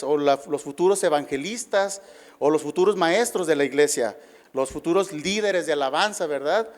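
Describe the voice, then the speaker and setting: A middle-aged man preaching a sermon in a conversational way, often tagging his sentences with questions to the congregation and pausing on fillers. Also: a little high, darkish tone.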